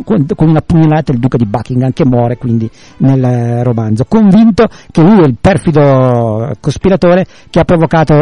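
A man's voice: fairly high pitch, mellow, no echo. A man in casual conversation retelling and explaining a classic novel, rambling with many restarts.

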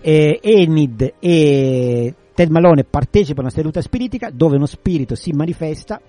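A man's voice: on the high side, lively intonation, moderate pace, dark tone, dry recording, faint music behind. A man hosting a radio talk, explaining in a casual way and often correcting himself mid-sentence. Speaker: radio host.

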